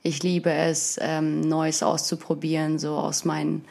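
A woman's voice: deep voice, completely flat delivery, slow, vocal fry, a little mellow. A woman in her twenties from Ukraine, a dancer chatting casually as a guest and laughing often. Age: 20s. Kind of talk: casual conversation.

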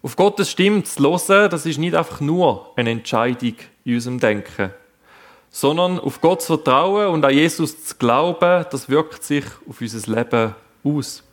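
A man's voice: fairly high pitch, expressive, normal speed. A man preaching a sermon, speaking earnestly and addressing the listeners directly.

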